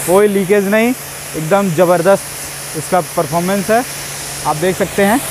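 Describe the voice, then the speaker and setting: With background noise around him, a young man speaks in a high, unhurried voice while casually reviewing a pressure washer gun and showing how it works. He's washing a car in a yard outside, chatting with viewers as friends, the camera positioned a few steps away.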